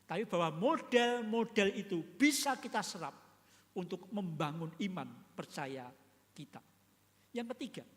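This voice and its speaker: A man's voice: high-pitched, a bit bright. A man pastor preaching a sermon in a conversational way, often asking his congregation for agreement. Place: church. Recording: long church reverb.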